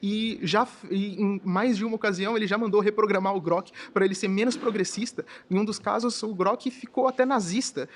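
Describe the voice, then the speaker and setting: A man's voice: high voice, brisk, few pauses, a little hiss or hum. A man arguing pointedly in a debate, laying out his case against the AI. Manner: pointed, argumentative questioning. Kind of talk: debate argument.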